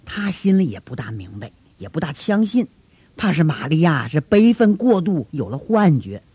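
Animated male storyteller. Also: on the high side, normal speed, breathy edge, no echo. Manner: colloquial, animated, folksy asides. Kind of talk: traditional storytelling.

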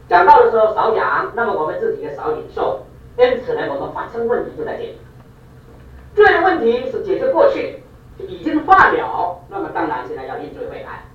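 A male preacher tells a story in an animated, quick-moving sermon and repeats points for emphasis. His pitch swings widely. He sounds far from the mic in a reverberant church hall, with dull, muffled sound. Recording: echoey, distant, dull hall recording.

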